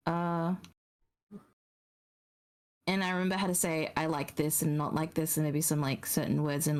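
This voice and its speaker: Woman, streamer, slightly low pitch, casual chat, rambling, giggly.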